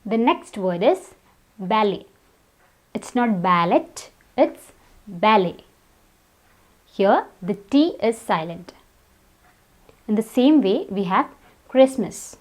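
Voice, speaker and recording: Woman, English pronunciation lesson, slow and deliberate, lively rising-falling pitch, fairly high voice. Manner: slow, deliberate, repeats each word in contrast. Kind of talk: scripted vocabulary lesson.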